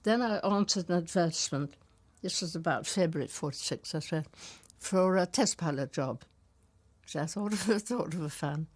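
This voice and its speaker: Older woman, chatty interview anecdote, laughing asides, lowish voice. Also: normal speed, dry recording. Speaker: former pilot. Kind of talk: interview storytelling.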